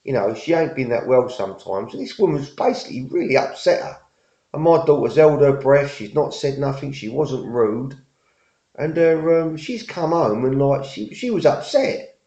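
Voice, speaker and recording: A man's voice: mid-range voice, big pitch swings, moderate pace, dark tone. A middle-aged man, telling a story in a rambling, casual monologue, often repeating himself and using working-class slang. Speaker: vlogger. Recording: echoey room, dull lo-fi sound.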